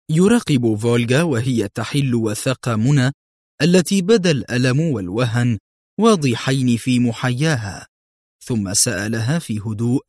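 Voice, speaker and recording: A man giving measured, dramatic audiobook narration. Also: mid-range voice, a little mellow, no echo, studio quality.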